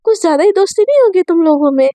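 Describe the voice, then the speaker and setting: A woman's voice: extremely high pitch, animated, rapid-fire, dark tone, dry recording, pitched above the performer's own voice. A woman voicing a middle-aged mother who grumbles disapprovingly about today's youth. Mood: grumbling.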